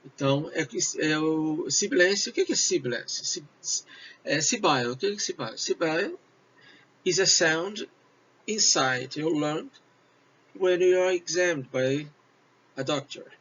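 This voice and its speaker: A man teaching a recorded video lesson, talking slowly and hesitantly with many fillers and switching between Portuguese and English. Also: fairly high pitch, expressive, a bit bright. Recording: dull lo-fi with faint noise.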